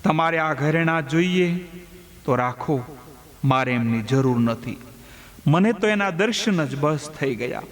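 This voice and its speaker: A man's voice: fairly high pitch, expressive, measured pace. Humble, earnest reformed dacoit, read by a male narrator; slightly raised voice, long reverb.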